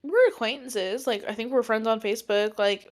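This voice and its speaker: A young woman in her twenties hosts her own podcast in a loose, rambling way, stringing thoughts together with lots of filler words. Her voice sits a little on the high side for a woman. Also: normal speed. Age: 20s. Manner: chatty, rambling, many fillers of like. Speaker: podcast host; teacher. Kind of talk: casual solo podcast monologue.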